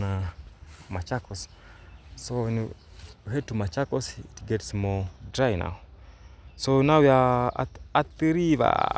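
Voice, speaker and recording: A young Kenyan travel vlogger, a native Swahili speaker, records hesitant, explanatory commentary on his phone while riding in a moving car, restarting often and using many fillers. He speaks in a lowish, slightly mellow voice, with a little hiss or hum in the recording.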